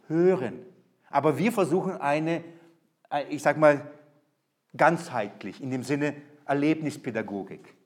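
A man preaching with a fairly high voice. He builds his points through repetition and swings between forceful emphasis and near-quiet asides. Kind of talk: sermon.

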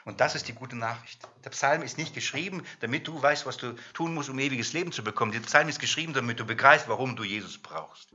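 Guy preaching a sermon, bright cutting voice, lots of questions to the crowd, muffled lo-fi sound. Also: medium pitch, quick pace, hardly any pauses, slight background noise. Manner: rhetorical questions to the congregation; swings between loud emphasis and hushed asides.

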